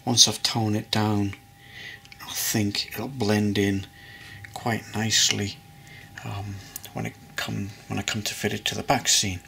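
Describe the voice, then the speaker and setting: At an indoor hobby workbench, a man casually narrates a model-building tutorial in a fairly low voice with little pitch movement, a measured pace, vocal fry, and a pushed, bright quality. Slight background noise is present, and he rambles hesitantly with many ums and restarts.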